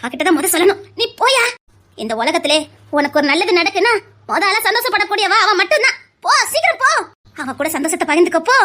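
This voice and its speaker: A woman's voice: extremely high pitch, very animated, fast talker, pushed and bright, full character voice. A woman voicing a kindly old village mother in a cartoon, with a Tirunelveli Tamil accent, fond and blessing.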